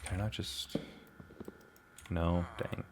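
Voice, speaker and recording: Over crowd noise, a gaming video host with a low, steady, slow male voice gives casual gameplay commentary. He talks to himself in a slangy, self-deprecating, exclamatory way.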